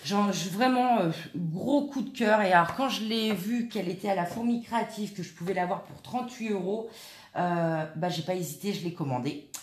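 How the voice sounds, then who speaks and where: This is a live craft demonstration recorded in an echoey room. The host, a woman with a medium-pitched voice, talks at a normal speed while she crafts, answering viewers by name as their messages come in.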